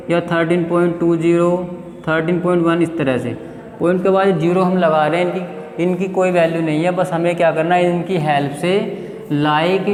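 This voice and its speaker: A man's voice: high voice, echoey room, big-room sound, slight background noise. A male math teacher, explaining a lesson step by step and asking the class questions that he then answers himself. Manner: reads definitions aloud slowly.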